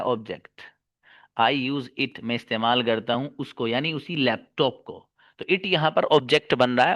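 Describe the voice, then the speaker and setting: A male teacher walks listeners through English grammar, drilling the same term again and again and asking them questions he answers himself. His voice sits at a middle pitch, and the sound is dry and close, with no room around it. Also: a bit bright, no echo. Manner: repeats key terms and asks rhetorical questions; addresses listeners affectionately as 'babu'. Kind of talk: explanatory classroom lesson.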